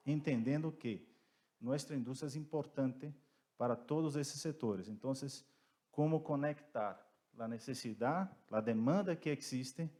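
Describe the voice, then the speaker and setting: A man with a Brazilian Portuguese accent giving panel remarks in careful, deliberate Spanish mixed with Portuguese, as a native Portuguese speaker. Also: mid-range voice, mellow. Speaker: petrochemical company representative, panelist. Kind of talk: prepared remarks at a conference panel.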